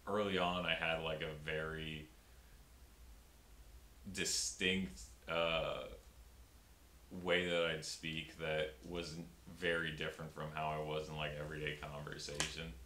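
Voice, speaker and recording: Here a young comedian with a very deep voice keeps a level tone at a measured pace, sounding pushed and bright. It's a casual interview riddled with fillers and restarts. A fixed camera frames his upper body against a pink backdrop in a small room; the sound is roomy with a faint hiss.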